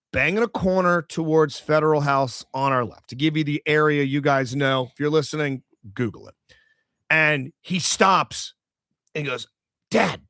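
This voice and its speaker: Male podcast host, animated comic storyteller with crude humor, slightly high voice, dry close mic. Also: no room sound. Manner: animated, crude jokes, acts out quotes. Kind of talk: casual comedic storytelling.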